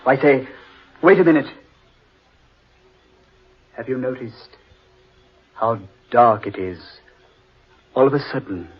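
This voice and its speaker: A dread-stricken gentleman in a vintage radio horror. He speaks slowly and ominously, with big dramatic swings in pitch. The sound is dull and aged. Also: expressive, breathy edge. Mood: alarmed. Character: Danvers, impressionable, dread-stricken gentleman sensing evil. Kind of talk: old-time radio horror acting. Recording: muffled vintage radio recording, music behind.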